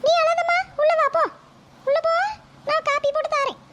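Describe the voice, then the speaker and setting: A woman plays an angry village mother and daughter-in-law, loud and quick to blame, scolding her son rapidly in a shrill voice with a steady tone. The recording is loud and noisy, with clicks.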